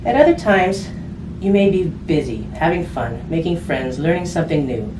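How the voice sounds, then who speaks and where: Reading a picture book to children, a woman talks straight to them and keeps her explanations simple. She sounds very animated, with a lowish voice at a moderate pace, captured on a distant mic with roomy echo and noticeable background noise.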